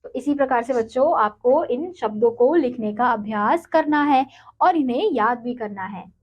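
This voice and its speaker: A woman's voice: a little high, normal speed, darkish tone, slightly rough, dull audio. A woman teaching young children to read and write, patiently sounding out syllables one by one before blending them into words. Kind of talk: slow, syllable-by-syllable children's writing lesson.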